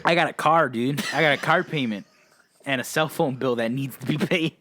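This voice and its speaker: A man's voice: mid-range voice, brisk, pushed and bright, a little hiss or hum. A man in his twenties co-hosting a podcast in casual chat, laughing easily and repeating his favorite phrases. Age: 20s. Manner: laid-back, laughs often, repeats "that's nuts". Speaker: podcast co-host.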